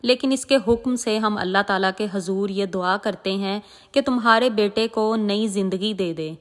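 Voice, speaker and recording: A woman voicing an old holy man who speaks solemnly and calmly in a storybook tale. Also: medium pitch, close to an everyday voice. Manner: solemn, measured. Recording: long echoing reverb.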